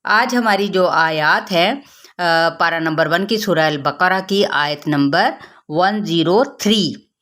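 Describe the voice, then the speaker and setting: Female recitation teacher with an unhurried, deliberate delivery who poses a question and then answers it herself. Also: on the low side, a bit bright. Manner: explains pronunciation rules step by step, asking and answering her own questions. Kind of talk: tajweed lesson with slow chanted recitation.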